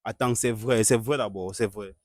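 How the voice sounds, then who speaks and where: A man hosting a staged street-interview skit, questioning a couple and repeatedly urging an angry guest to calm down. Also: lowish voice, normal speed, no echo, studio quality. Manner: keeps urging calm, repeats calming phrases.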